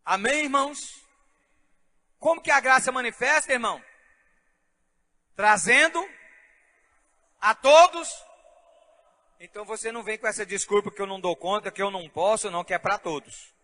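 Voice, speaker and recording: A man preaching a sermon as pastor, fervent, with shouted and half-sung phrases, in a church. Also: sits high, normal speed, pauses often, in a large hall.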